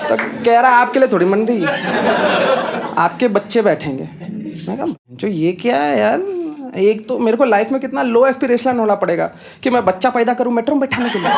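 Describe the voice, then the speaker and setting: Male stand-up comic, young, gravelly voice, chatty with the crowd, noisy live club recording. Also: very high-pitched. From India. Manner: conversational, addresses audience directly. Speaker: stand-up comedian. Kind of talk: stand-up comedy storytelling. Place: comedy club stage with audience.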